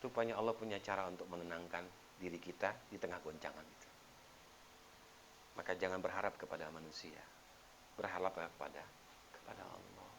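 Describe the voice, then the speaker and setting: A man preaching a sermon as an ustadz, telling stories and acting out the quoted lines with sudden loud bursts. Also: low-pitched, brisk, creaky, pauses often, noisy background.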